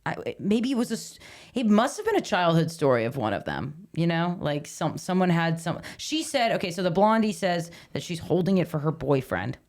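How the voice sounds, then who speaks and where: A woman co-hosting a podcast, recapping a sitcom episode in casual chat with animated, wry and profane asides and frequent laughs. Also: fairly low pitch, moderate pace. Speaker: podcast co-host.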